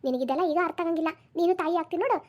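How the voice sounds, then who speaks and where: A woman's voice: extremely high pitch, racing. A woman voicing an older mother who comforts her daughters with soothing, practical words, in a Dharwad Kannada accent. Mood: explaining. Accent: North Karnataka (Dharwad) Kannada.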